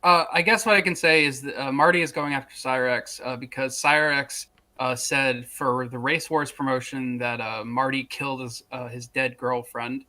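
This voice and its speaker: A man's voice: medium pitch, fairly even intonation, normal speed, few pauses, bright, forceful tone. A man co-hosting a casual stream chat, hesitant with many fillers and some dry teasing. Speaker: co-host.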